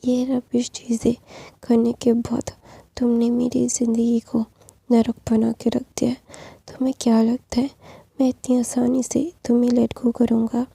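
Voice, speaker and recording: A woman's voice: a little high, completely flat delivery, measured pace, creaky, warm tone, husky, no echo, full character voice. A woman voicing a possessive, devoted young husband in whispered role-play, pleading and threatening in turn. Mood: menacing. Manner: pleading then menacing.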